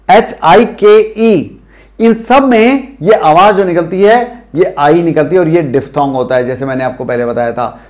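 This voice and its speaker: A man with an Indian accent teaching a spoken English lesson, drilling words aloud and quizzing his viewers. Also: a little high.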